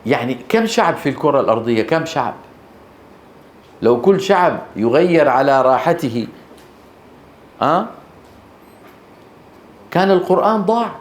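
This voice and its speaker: A man with a Levantine Arabic accent teaches Quran recitation to a class in a hall, speaking emphatically and quizzing students with short questions. His voice is on the high side and animated, at a normal speed with frequent pauses. The room sounds echoey.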